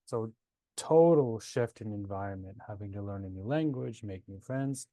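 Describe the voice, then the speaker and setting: A breathwork teacher in his twenties, born in Nepal and moved to Canada at seven, tells his personal story as a guest in a conversational interview. His fairly low, dark voice is animated and comes at a normal speed, recorded with no room sound.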